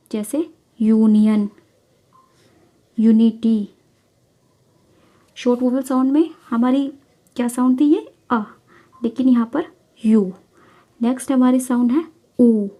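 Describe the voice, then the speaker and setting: A young woman teaching English phonics in a slow, careful way, repeating each example word. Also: on the high side, warm tone. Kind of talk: phonics lesson in Hindi-English mix.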